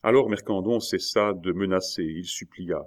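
A man narrating a literary audiobook in a measured, dramatic storytelling manner. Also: deep voice.

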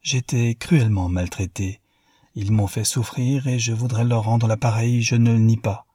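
A man's voice: mid-range voice, fairly even intonation, normal speed, mellow, husky, no echo, clean studio sound, lightly acted. Man playing a bitter furious rich man. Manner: rising to passionate outbursts. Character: wealthy man, bitter and furious after betrayal.

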